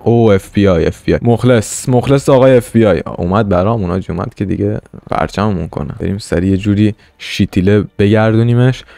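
A man's voice: on the low side, vocal fry, no room sound. A young man streaming a Minecraft roleplay server, playing a swaggering gangster and chatting to viewers in between. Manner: swaggering tough-guy banter, swings between loud bravado and quiet asides. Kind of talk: in-character gangster roleplay with commentary.

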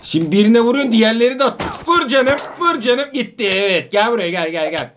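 An excitable man gives let's-play commentary, his high, lively voice jumping around as he shouts and repeats himself. He scolds the game's enemies playfully. The recording is noisy, with mouse clicks in the background. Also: fairly quick. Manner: excitable, frequent loud exclamations and repeated words. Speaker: gaming channel host.

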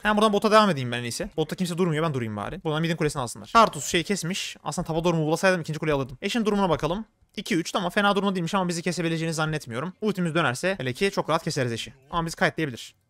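Male streamer, live gameplay commentary; rapid, chatty, a touch high-pitched. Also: a bit bright, dry recording. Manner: chatty, thinks aloud, flares up in frustration. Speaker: gaming streamer.

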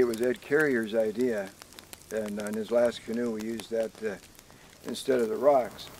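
A man's voice: mid-range voice, background noise. Older man explaining canoe carving. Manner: plain, practical explaining with fillers. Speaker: canoe carver. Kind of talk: hands-on demonstration.

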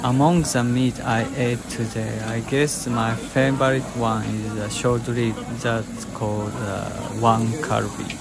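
A young man vlogging in a restaurant, explaining the dishes in slow, simple, short sentences. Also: mid-range voice, level tone, vocal fry, low-quality recording. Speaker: food vlogger. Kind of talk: narrating a restaurant meal. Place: yakiniku restaurant, indoors.

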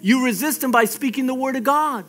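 A man preaching in a very high, bright, forceful voice, exhorting his listeners and repeating phrases for emphasis. Soft music plays faintly behind him. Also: a little fast. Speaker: pastor. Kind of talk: sermon.

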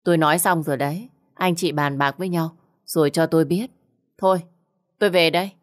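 A woman doing a gruff bossy old village woman. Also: steady tone, a little fast, natural voice. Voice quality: gruff booming voice. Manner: scolding, pushy. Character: fat fierce older village woman, loud and bossy.

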